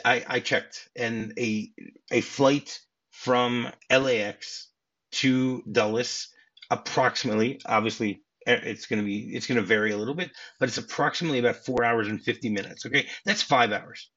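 Male podcast host, husky, chatty, lo-fi audio. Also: medium pitch, fairly bright tone. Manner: chatty, many restarts and laughs. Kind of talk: casual film discussion.

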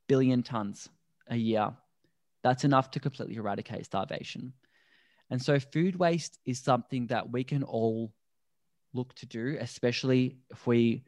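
A man, a guest on a podcast, explaining things earnestly and deliberately in a conversational interview. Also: medium pitch, dry recording. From Australia. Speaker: podcast guest, endurance athlete.

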